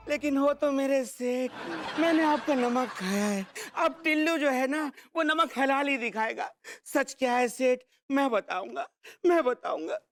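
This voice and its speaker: A man's voice: very high voice, a bit bright. An actor playing a loyal, dramatic young male servant, melodramatic and pleading. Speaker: sitcom character. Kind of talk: sitcom acting.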